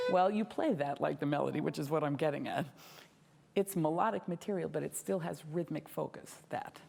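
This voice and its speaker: A middle-aged woman coaching a young violinist in a masterclass, lively and demonstrative, often laughing and singing rhythms. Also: deep voice, moderate pace, creaky, long pauses. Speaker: violin teacher giving a masterclass. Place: concert hall stage at a music competition. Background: violin and piano playing faintly.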